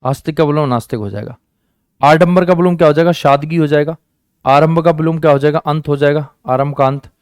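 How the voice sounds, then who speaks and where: A man with a fairly high voice runs an exam-prep class. He keeps coaxing his students and repeats every question and answer. The sound is dry and close. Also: fairly quick, clear, resonant tone, no echo. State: sore hand, says it hurts. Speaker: teacher.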